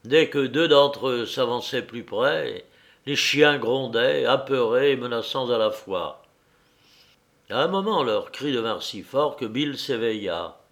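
A man reading a novel aloud in a measured, deliberate audiobook narration. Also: mid-range voice, lively intonation, a bit bright.

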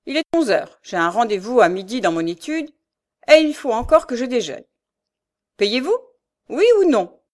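A woman's voice: high voice, sing-song, moderate pace, voice pushed up. A woman voicing a stern, impatient male notary in an audiobook, curt and clipped. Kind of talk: audiobook character voice.

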